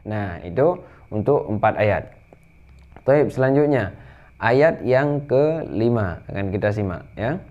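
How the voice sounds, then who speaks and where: A man with an Indonesian accent teaching Quran recitation rules, explaining patiently and then chanting verses in a drawn-out higher voice. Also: animated, a little mellow, muffled recording. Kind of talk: tajwid lesson with chanted recitation.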